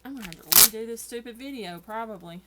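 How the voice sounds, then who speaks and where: A woman's voice: a little high, fast, heavy background noise. A tired woman chatting casually through a craft tutorial, rambling and poking fun at herself. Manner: chatty, self-deprecating, rambling. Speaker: craft vlogger.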